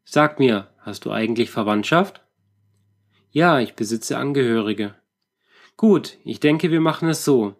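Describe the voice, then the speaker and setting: A man reading a storybook, voicing a bold young man who speaks up loudly. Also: mid-range voice, expressive, a little slow. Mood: firm. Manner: raised, blustering when annoyed.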